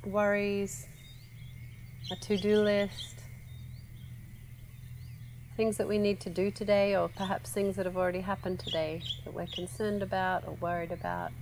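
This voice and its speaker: A woman guiding a relaxation meditation, speaking slowly and softly with long pauses. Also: medium pitch, slight background noise. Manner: slow, soft, calm with long pauses. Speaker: meditation guide.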